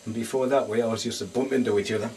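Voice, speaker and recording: A man's voice: lowish voice, steady tone, very fast, darkish tone. A man with a Northeast English accent, a band guitarist chatting easygoing and rambling in a casual interview at a lounge bar. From Sunderland, England. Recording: distant mic, faint room noise.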